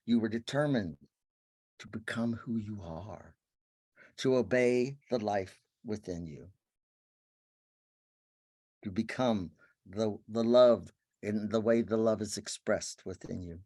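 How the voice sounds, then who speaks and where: Husky man giving a hushed spiritual talk. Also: lowish voice, no room sound, clean studio sound. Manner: earnest, drops to a hushed murmur. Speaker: workshop speaker.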